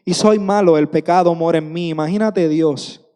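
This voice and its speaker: A man's voice: fairly high pitch, normal speed, warm tone, smooth, in a large hall. A man in his thirties preaching a sermon with passion, repeating phrases for emphasis.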